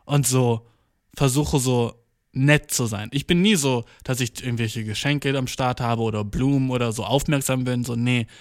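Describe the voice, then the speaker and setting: A man's voice: mid-range voice, dry recording, clean studio sound. A young man in a casual monologue, talking slangy and swearing a lot, with English words mixed in. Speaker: vlogger.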